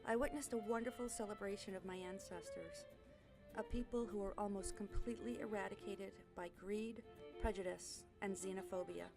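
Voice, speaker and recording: A woman reading scripted documentary narration in a measured, informative way. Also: medium pitch, fairly even intonation, music in the background. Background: musical instruments.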